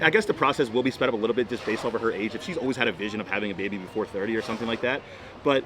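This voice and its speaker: In this couples Q&A vlog, the Florida boyfriend in his twenties rambles emphatically, often repeating himself to drive his point home in the casual chat. His voice is mid-range, and there's background noise.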